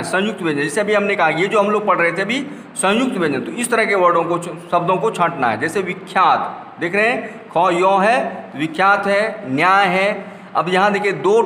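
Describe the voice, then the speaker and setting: A man teaching a school grammar lesson, spelling out letters slowly one by one and explaining with rhetorical questions. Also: sits high, bright, forceful tone, reverberant, in a large hall, slight background noise.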